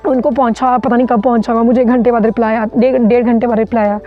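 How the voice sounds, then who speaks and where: An Indian mountaineer, appearing as an interview guest, tells the story of an ordeal in a vivid, urgent way, restarting often. Her voice is fairly high, with little pitch movement, and very fast. The sound is dull and lo-fi, with faint music behind it.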